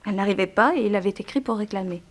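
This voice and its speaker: Using a natural, mid-range female voice, an actress plays the guarded yet frank, composed young bereaved daughter of a 1960s French radio drama. Her diction is measured and theatrical, her mood thoughtful.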